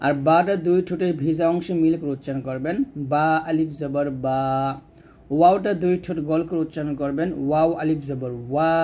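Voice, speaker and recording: Guy teaching quran letters, slow careful drills, kinda high voice. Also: mellow. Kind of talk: step-by-step recitation lesson.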